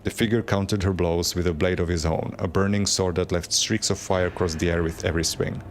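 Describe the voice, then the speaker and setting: A man's voice: low-pitched, fairly even intonation, brisk, slight background noise. A man streaming a game, reading lore aloud in a plain, unacted voice with casual asides.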